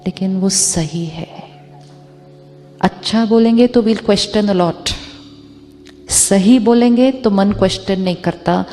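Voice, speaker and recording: Calm-paced woman giving a spiritual talk. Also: medium pitch, big-room sound. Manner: mixes Hindi and English, slows on English phrases, asks rhetorical questions. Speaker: spiritual teacher.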